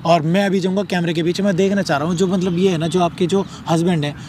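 A man's voice: high voice, fairly even intonation, quick pace, a little mellow, slight background noise. A man hosting a prank video, talking in a casual, earnest and reassuring way with rambling fillers, outdoors. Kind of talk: casual vlog introduction.

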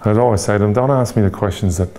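With an Irish accent, a man in his forties talks candidly and reflectively as a guest in an interview, pausing often and restarting amid fillers. His pitch is fairly low and his tone warm.

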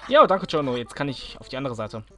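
Brief: male let's player, excitable, swoops up and down a lot when he yells at the game, faint game music behind. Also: mid-range voice, fast. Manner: excitable, grumbles and cheers at the game, talks to enemies. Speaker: let's play gamer. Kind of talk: casual gameplay commentary.

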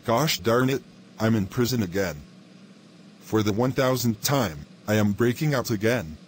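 A man's voice: fairly low pitch, animated, normal speed, a little hiss or hum, close to an everyday voice. A man voicing a bossy adult figure who keeps grounding others, repeating the same words over and over in a comic cartoon. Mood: boastful. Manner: repetitive, chanting strings of the same word. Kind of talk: comedic grounded-video animation voice.

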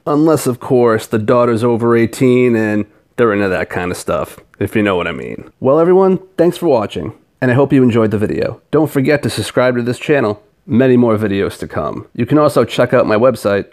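A man's voice: medium pitch, darkish tone. Scathing, sarcastic male video reviewer. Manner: scathing, sarcastic critique with crude language. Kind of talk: scripted comedic review narration.

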